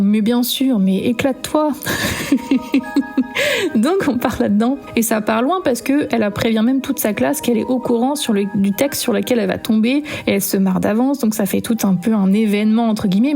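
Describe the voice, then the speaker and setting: A woman's voice: fairly high pitch, vocal fry, warm tone. Woman recounting her own strange story. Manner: conversational, re-enacting dialogue with many fillers. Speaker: guest telling her own paranormal story. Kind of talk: spoken personal testimony.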